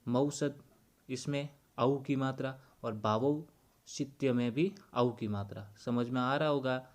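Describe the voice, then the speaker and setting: Man, Hindi grammar teacher, unhurried delivery, repeats key points. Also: mid-range voice, a little mellow. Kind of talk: explaining grammar to students.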